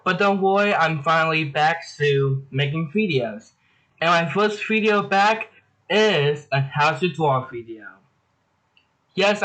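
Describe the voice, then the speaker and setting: Bright, slow-talking young drawing tutor. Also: male voice, fairly high pitch, rough recording. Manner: chatty, self-deprecating, rambling. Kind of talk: casual tutorial narration.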